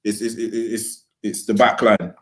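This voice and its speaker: A man's voice: fairly low pitch, fairly even intonation, a little slow. A man with a London roadman accent co-hosting a football podcast, giving opinions in casual, slang-heavy banter. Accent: London, roadman-style street slang. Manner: slangy, opinionated, repeats tag phrases like a street chat. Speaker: podcast co-host.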